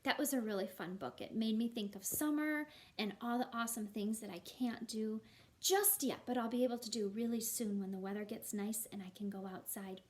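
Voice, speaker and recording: A primary school teacher reads aloud and chats encouragingly with young pupils from her home. Her voice is fairly high-pitched with a darkish tone, and she speaks fairly quickly.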